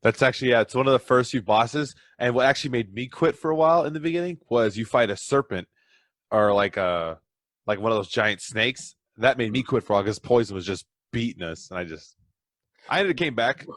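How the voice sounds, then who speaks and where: A man talks casually as a guest on a podcast, rambling through long stories and poking fun at himself. His voice sits at an ordinary pitch, recorded dry and close with no room around it. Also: lively intonation, a little fast, fairly bright tone, no echo. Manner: rambling, self-deprecating storyteller. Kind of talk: casual chat.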